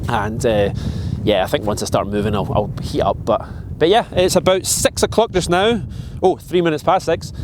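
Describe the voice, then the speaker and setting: A Scottish man of forty talking casually to camera outdoors on a mountain, reflective and halting, shivering a little in the cold. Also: fairly high pitch, steady tone, noisy background. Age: 40s. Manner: halting, reflective, many restarts and fillers. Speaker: vlogger.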